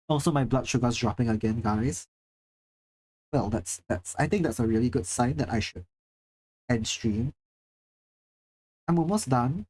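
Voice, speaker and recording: Through poor audio comes a darkish, mid-range voice: a livestreamer from Singapore casually reading and answering chat. Expect plenty of chatter, self-deprecating jokes and a swear word here and there.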